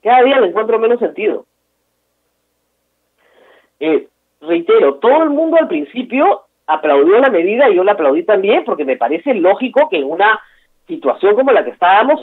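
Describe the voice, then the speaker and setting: A woman's voice: mid-range voice, slightly rough. Emphatic woman commentator on a tinny phone line. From Peru. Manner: emphatic, repeats key words for stress. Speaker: political talk show host. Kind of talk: opinionated commentary on a call.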